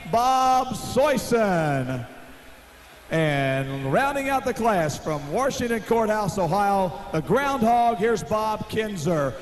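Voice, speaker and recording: An American man working as an arena announcer, introducing competitors in a rousing, projected voice with drawn-out names. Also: high-pitched. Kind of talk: driver introductions at a tractor pull show. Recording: noisy live arena PA recording.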